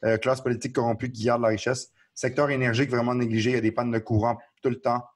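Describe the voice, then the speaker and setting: A podcast co-host with a Quebec French accent talks fast in a medium-pitched, flat voice. He explains the news in an earnest yet casual current-affairs discussion, frequently restarting his sentences.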